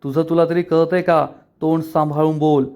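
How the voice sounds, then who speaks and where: A man's voice: fairly high pitch, flat delivery, normal speed, a little mellow, natural voice. A man voicing a haughty, bossy older woman who scolds and threatens.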